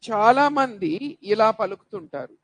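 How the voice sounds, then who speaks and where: Guy with a pretty high voice running a grammar lesson, quizzes then answers himself, repeats sounds to drill them. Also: lively intonation, unhurried, dry recording, low-quality recording. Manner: poses rhetorical questions then answers them. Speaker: English teacher. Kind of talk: classroom-style grammar lesson.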